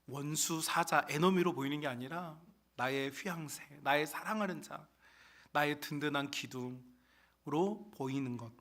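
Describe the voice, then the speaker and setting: A male pastor preaching a sermon in a church sanctuary. He keeps calling out to the congregation and swings sharply between soft and loud. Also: on the high side.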